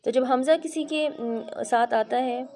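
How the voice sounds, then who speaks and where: A woman's voice: high voice, unhurried, warm tone. A woman, teaching a Quran reading lesson to a child in a patient, explanatory way, checking in often. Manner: patient, explanatory, frequent "theek hai" check-ins.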